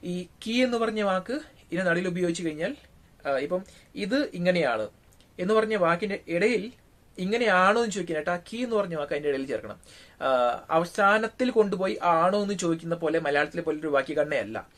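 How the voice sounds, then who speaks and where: A man with a Malayali accent giving a relaxed, casual spoken language lesson, pausing often on drawn-out fillers. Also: high-pitched. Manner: unhurried, frequent drawn-out fillers. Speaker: language teacher.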